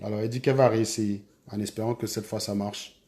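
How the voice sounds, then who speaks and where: A man's voice: fairly low pitch, fairly even intonation, quick pace, darkish tone. A man hosting a live stream, chatting casually and repeatedly urging his viewers to hurry. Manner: urgent, repetitive urging of viewers.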